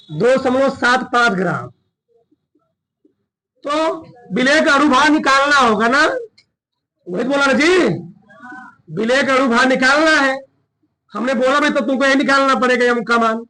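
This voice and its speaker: A man's voice: very high voice, bright, forceful tone, low-quality recording. A man teaching a chemistry lesson, working through a problem in a colloquial way and often checking that his students follow.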